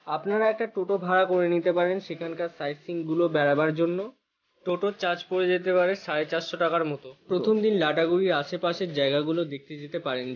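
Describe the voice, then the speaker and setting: Male travel host, voice a bit high, scripted guide read for viewers. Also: dull audio. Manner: addresses viewers as friends, lists costs and routes.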